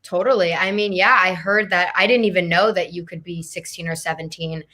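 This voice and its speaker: Teen actress guest, low bright voice, easygoing chat. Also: female voice, steady tone, fairly quick. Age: teens. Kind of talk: casual roundtable chat.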